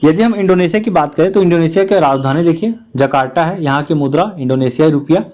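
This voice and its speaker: A man's voice: a little high, fast talker, darkish tone. A man teaching a current affairs lesson for exam students, talking straight to the viewer and leaning on repeated filler phrases. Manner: repetitive filler phrases, addresses the viewer directly.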